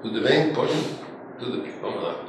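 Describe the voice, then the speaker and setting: A man lecturing as a rabbi, telling stories with emphatic rising phrases that trail off quietly. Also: mid-range voice, expressive, moderate pace. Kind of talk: religious lecture. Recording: echoey hall with faint room noise.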